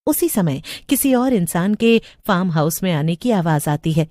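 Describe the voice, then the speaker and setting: A woman with a lowish, slightly mellow voice narrates a scripted story as a storyteller, sounding animated at a moderate pace. The recording is dry, with clean studio sound.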